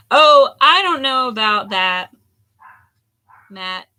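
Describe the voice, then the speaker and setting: A hoarse woman in her forties, a potter chatting candidly while she throws clay at the wheel. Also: fairly high pitch, animated, extremely slow, pushed and bright. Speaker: potter streaming a throwing session. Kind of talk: casual chat while working. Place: pottery studio with lo-fi music on.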